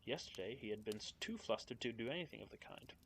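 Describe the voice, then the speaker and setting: A young man reads a book aloud on a live stream through a home streaming mic that adds a little hiss or hum. His voice is low-ish, creaky and fast with lively intonation. Nervous and giggly, he chats with viewers between passages.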